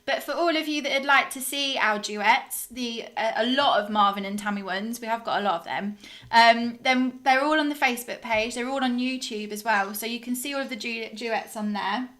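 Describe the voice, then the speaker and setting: A woman's voice: a little high, fairly even intonation, normal speed, a bit bright. A female band singer chatting casually on a video-call live stream, reading out viewer comments with frequent "um"s. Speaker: lead singer of a soul band.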